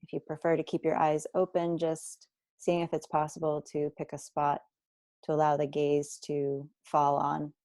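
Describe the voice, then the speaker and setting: A meditation teacher leads a body scan, giving gentle instructions slowly and deliberately with long pauses in between. Her voice is low and monotone, and there's no echo.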